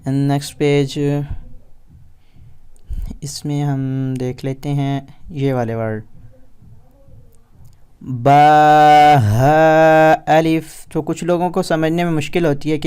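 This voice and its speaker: A man with a Pakistani Urdu accent teaching Quran reading step by step, explaining in Urdu mixed with English words and drawing out each letter slowly. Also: medium pitch, a little mellow, smooth. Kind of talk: step-by-step recitation lesson.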